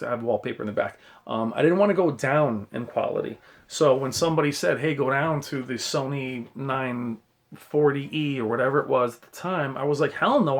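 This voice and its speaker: A man talks straight to his viewers in a casual, rambling tech vlog. He sounds blunt and earnest, handing out cautionary advice with the odd mild swear. His mid-pitched voice comes with a low hiss in the recording. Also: a bit bright. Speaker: YouTube tech reviewer. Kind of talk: casual rambling opinion monologue.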